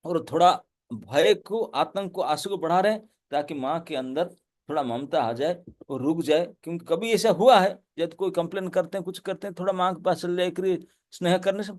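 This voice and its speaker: A man who is a monk, giving a devotional lecture and telling the story in an animated way with laughs. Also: high-pitched, normal speed. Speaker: monk and preacher.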